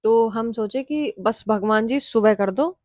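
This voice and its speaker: A woman's voice: on the high side, unhurried, darkish tone, no room sound, clean studio sound. A young woman casually telling a hostel ghost story, chatty, slipping in English phrases and laughing often.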